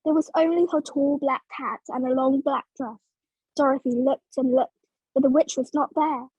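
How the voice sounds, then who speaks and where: A woman from Vietnam narrating a children's storybook in English for learners, slow and clear. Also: high-pitched, fairly even intonation, darkish tone, dry recording, dull audio.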